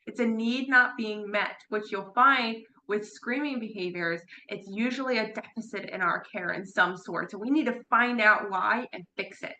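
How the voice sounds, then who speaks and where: A woman's voice: mid-range voice, normal speed, hardly any pauses, bright, forceful tone, a little hiss or hum. A woman who is a parrot behavior consultant, giving a chatty online lecture from a room at home with her birds, repeating words for emphasis and laughing now and then. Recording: echoey room.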